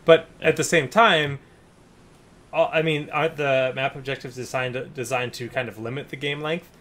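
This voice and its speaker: A man hosting a casual gaming podcast, talking in an animated way and stumbling over repeated words. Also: mid-range voice, normal speed.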